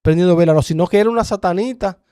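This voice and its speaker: Dominican man, guest testimony, earnest storyteller, high voice, dry close sound. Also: very fast, warm tone, smooth, dry recording. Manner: earnest storyteller, acts out dialogue. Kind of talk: personal testimony in conversation.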